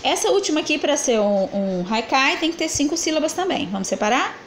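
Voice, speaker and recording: A woman's voice: sits high, sing-song, a little fast, a little hiss or hum, poor audio. A woman teacher correcting exercises in a lesson, asking the class questions and answering them herself as she counts syllables aloud.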